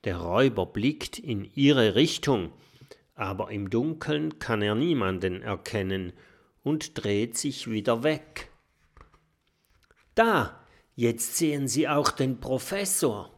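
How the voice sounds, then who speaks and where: A man reading a children's story aloud with expressive, storytelling delivery. His voice is gravelly and he takes his time over each line. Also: medium pitch, slow. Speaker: audiobook narrator.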